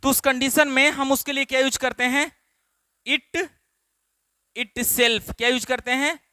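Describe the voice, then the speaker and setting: Very high, bright, and forceful, this man's voice stays fairly even in intonation at a measured pace, clean and dry. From Bihar and speaking with a Bihari Hindi accent, he teaches spoken English, drilling students with the same questions again and again.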